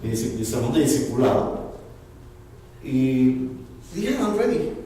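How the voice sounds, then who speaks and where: A male pastor preaching a lively sermon, acting out the voices he quotes. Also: mid-range voice, measured pace, background noise. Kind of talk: bilingual sermon. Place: church hall. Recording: echoey hall from far off, faint ambience.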